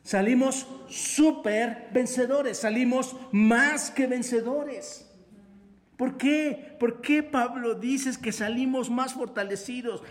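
A man's voice: very high-pitched, slow pace. A male pastor with a Mexican Spanish accent preaching a sermon, often asking the congregation questions for them to answer. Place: church hall. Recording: echoey church hall with long reverb.

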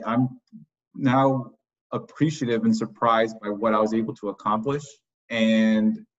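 A man in his late thirties, a podcast guest, speaking reflectively and haltingly with restarts. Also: medium pitch, muffled recording. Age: 30s. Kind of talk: casual interview.

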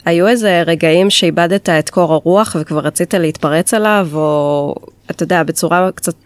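An interviewer asks probing questions and feels the phrasing out with some hesitation. The voice is smooth and clear in a middle register, recorded dry and close. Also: mid-range voice, dry recording.

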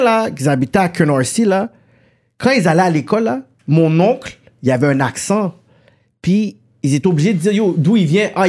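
A man's voice: on the high side, darkish tone. A young man with a Québécois French accent hosting a casual podcast chat, talking animatedly and mixing in English slang. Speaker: podcast host interviewing a rapper.

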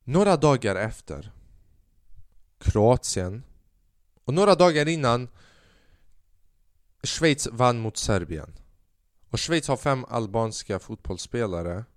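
A man's voice: mid-range voice, lively intonation, long pauses, no room sound, clean studio sound. A young man hosting a casual podcast, a stand-up comedian telling stories in a profane, sarcastic way and acting out the dialogue.

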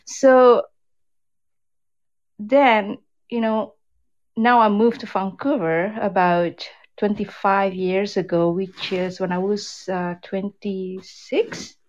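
A woman in her fifties from Indonesia, who makes relationship advice content, chats candidly as an interview guest with an Indonesian accent and grammatically loose English. Her mid-range voice is steady and slow, and the sound is lo-fi. The conversation is a casual interview.

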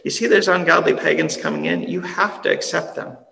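A male pastor giving a sermon in an earnest, conversational way, often dropping soft and slow for emphasis. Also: a little high, fairly even intonation, vocal fry, big-room sound, rough recording.

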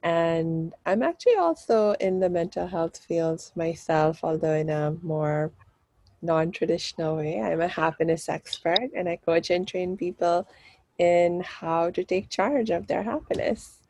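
Casting: upbeat woman coach, slightly low voice, dry sound. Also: measured pace, darkish tone, dry recording. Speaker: operations director, happiness coach. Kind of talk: brief self-introduction.

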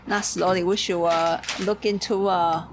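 A woman hosting a casual podcast chat, haltingly searching for her words. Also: lowish voice. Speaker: podcast host and tea shop keeper. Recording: clear steady background noise.

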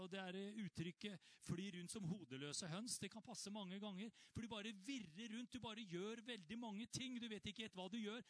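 Animated male preacher. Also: sits high, dry recording. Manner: conversational, rising to animated outbursts. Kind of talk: sermon.

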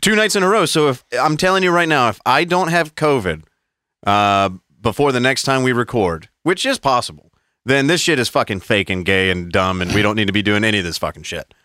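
A man's voice: medium pitch, lively intonation, a little fast, pushed and bright, smooth, dry recording, studio quality. A man on a casual podcast, telling long rambling stories full of swearing. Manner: rambling storyteller, heavy swearing, mocking voices in quotes. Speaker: podcast co-host. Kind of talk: casual profane chat.

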